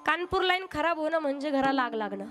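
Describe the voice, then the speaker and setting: A woman preacher from Maharashtra gives a devotional kirtan sermon in a bright, high voice, asking her listeners questions as she tells her story. Instruments play clearly behind her. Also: lively intonation, quick pace, over music. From from Maharashtra, India. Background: musical instrument accompaniment.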